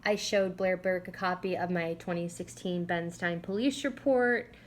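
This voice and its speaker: A woman's voice: on the low side, normal speed. A woman from the United States giving an informal personal account, questioning and aggrieved. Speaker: narrator recounting own police case. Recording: clearly noisy home-style recording.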